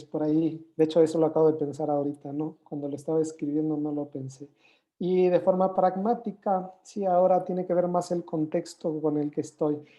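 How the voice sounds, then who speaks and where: A man's voice: on the high side, mellow. A man giving a university conference lecture, explaining step by step and posing rhetorical questions with fillers like "este".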